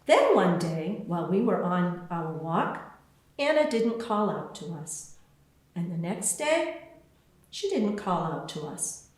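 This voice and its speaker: A female author shares her own picture book for children, reading it aloud in a very echoey space. She storytells expressively and without rushing, her pitch very animated and her phrases carefully spaced.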